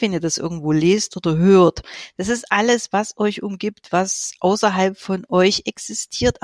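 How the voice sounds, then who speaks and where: A woman's voice: medium pitch, no echo, clean studio sound. A middle-aged woman giving a casual spiritual talk as an energy coach, loose and searching, with many fillers and restarts.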